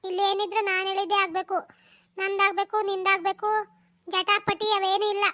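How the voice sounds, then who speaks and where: A woman voicing a sharp-tongued village mother-in-law who curses and wails loudly in a cartoon. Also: very high voice, level tone, fairly quick. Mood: bossy angry. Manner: loud cursing rants, wailing complaints. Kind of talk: cartoon voice acting.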